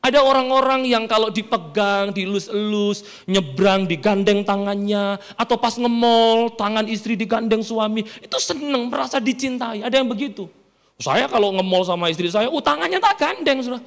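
A man's voice: high voice, moderate pace. A middle-aged man, preaching a sermon and telling jokey stories to his congregation. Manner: storytelling, joking, playful with the congregation. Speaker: pastor. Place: church hall. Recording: reverberant church hall.

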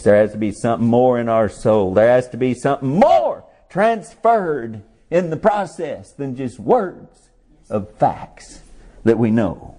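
A middle-aged man preaching a folksy sermon in plain-spoken rural phrasing, now and then rising to loud cries on key words. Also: medium pitch.

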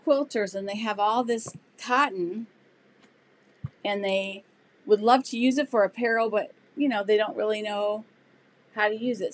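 A woman's voice: medium pitch, a little hiss or hum. A middle-aged woman hosting a live sewing stream, chatting loosely with many fillers and restarts as she answers viewer comments. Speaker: sewing channel host.

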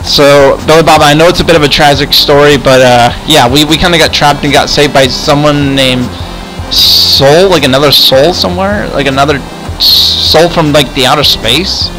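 Voicing a friendly adventurer in improvised Minecraft roleplay, this roleplay video host speaks a little high at a moderate pace, lightly acted, over music on a rough recording. He is curious and explaining things, yet hesitant, stammering and repetitive.

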